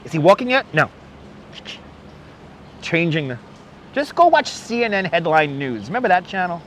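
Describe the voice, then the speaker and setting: Greeting viewers by name as he rambles, a livestream host from Brooklyn chats casually while out in the city. His voice is a little high and sing-song, at a moderate pace, with a faint New York accent. Street noise and gentle traffic hum can be heard through his wireless clip-on mic outdoors.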